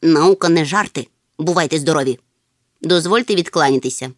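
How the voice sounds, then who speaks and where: Woman as a fussy bumbling creature scholar, lowered voice, mumbly, dry read. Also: no echo, natural voice. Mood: pompous. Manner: mumbling, pompous, slow. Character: slow-witted fussy male insect collector creature.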